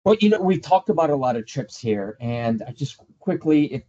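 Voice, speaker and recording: Very animated and mellow, a man with a medium-pitched voice hosts a travel webinar at a moderate pace. He keeps things upbeat, polite and promotional over slightly muffled video call audio.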